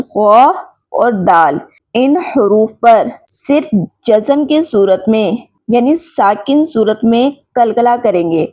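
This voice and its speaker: A woman teaching Quran pronunciation, slowly sounding out letters and explaining recitation rules in a patient, deliberate way. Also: medium pitch, mellow, no room sound. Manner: clear, deliberate syllable drills with patient explanation. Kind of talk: slow, drilled tajweed lesson.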